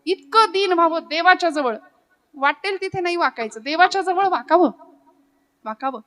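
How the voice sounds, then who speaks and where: A woman's voice: very high-pitched, lively intonation, moderate pace, a bit bright. A Marathi woman preacher giving a devotional kirtan sermon, telling stories and acting out the characters' lines. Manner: dramatic storyteller, voices characters, breaks into Hindi couplets and chant.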